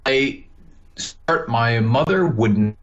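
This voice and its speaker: A young man calling in over a video call, talking in a rambling, halting way while his audio keeps cutting out and breaking up. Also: medium pitch, lively intonation. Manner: rambling, halting, full of restarts. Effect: choppy call audio that keeps cutting out. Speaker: caller. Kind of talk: casual chat. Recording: dull lo-fi online call line.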